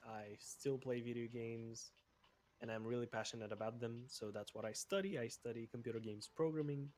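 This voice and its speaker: A man's voice: mid-range voice, normal speed. Chatty Bulgarian man in his twenties. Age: 20s. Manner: relaxed, self-correcting, chatty. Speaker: podcast co-host. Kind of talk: casual chat.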